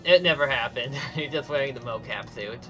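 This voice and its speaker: This medium-pitched man talks a little fast on a rough recording while narrating his speedrun live, game music playing behind him. His explanations are casual and full of restarts and self-corrections, punctuated by small chuckles.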